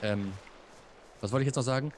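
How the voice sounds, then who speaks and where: A man's voice: medium pitch, fairly quick, darkish tone, a little hiss or hum. A man playing a co-op video game with a friend, joking playfully and tripping over his words. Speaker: let's play gamer. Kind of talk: casual co-op gaming chat.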